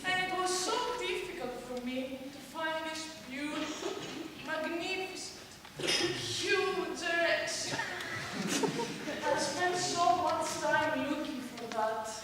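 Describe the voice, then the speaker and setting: A woman acting on an amateur stage as a frank, wise old grandmother who speaks calmly, recorded from far off in an echoey hall. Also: sits high, slow pace, noisy background. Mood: knowing.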